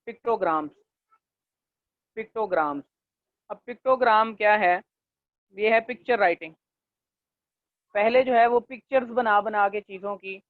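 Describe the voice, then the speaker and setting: A male linguistics lecturer teaching a class, leaning on fillers and checking in often, and slowing down to dictate definitions. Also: high voice, no echo. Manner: leans on the filler "jo hai na" and checks in with "theek hai"; slows down to dictate English definitions. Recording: tinny, dry, phone-like recording.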